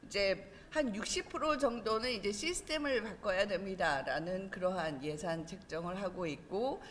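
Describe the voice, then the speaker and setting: Woman doing a formal conference presentation, medium pitch, long room reverb. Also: a bit bright. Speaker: presenter, education consulting company head. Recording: roomy hall with long reverb, faint noise.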